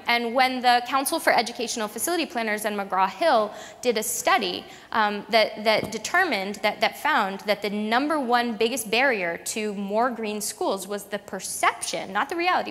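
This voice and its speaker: A woman's voice: mid-range voice, a bit bright. A woman giving a conversational conference talk, with many fillers and restarts. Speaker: conference speaker. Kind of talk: presentation talk to an audience. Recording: long hall reverb.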